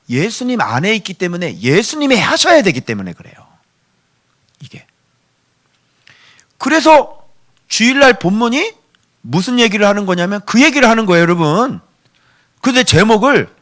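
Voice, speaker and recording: A man's voice: high-pitched, wildly swooping pitch, normal speed, long pauses, a bit bright. A male pastor preaching a sermon in a playful, theatrical way, quizzing his congregation.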